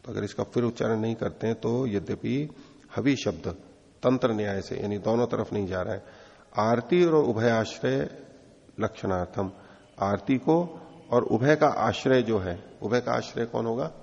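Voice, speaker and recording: Male teacher, low gravelly voice, reads text aloud then explains it, lo-fi hall recording. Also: a little slow, darkish tone. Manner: reads Sanskrit lines then explains them, dictating corrections. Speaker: Sanskrit philosophy teacher. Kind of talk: classroom text commentary. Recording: dull lo-fi audio with long reverb in a hall.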